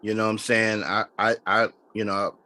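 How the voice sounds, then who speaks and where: A man's voice: on the low side, moderate pace, no room sound. A man from Memphis, chatting as a guest producer on a podcast and often restarting his sentences. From Memphis, Tennessee, US. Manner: relaxed, frequent restarts and "you know what I'm saying". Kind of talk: casual podcast interview chat.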